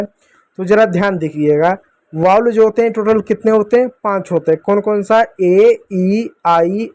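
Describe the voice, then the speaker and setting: A man's voice: sits high, darkish tone, no room sound. A man teaching English basics to children, patient and repetitive, often calling out to the kids. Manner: patient, repeats points, addresses kids often. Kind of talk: classroom lesson for kids.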